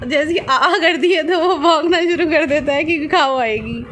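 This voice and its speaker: High-pitched woman doing a casual home vlog, playful sing-song with her dog, dog barks faintly behind. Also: moderate pace, a bit bright, slight background noise. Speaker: vlogger. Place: at home indoors.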